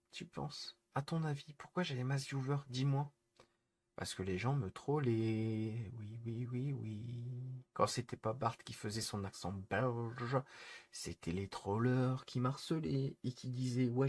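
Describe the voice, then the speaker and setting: A man streaming live, scolding his chat in an exasperated, repetitive rant. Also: medium pitch.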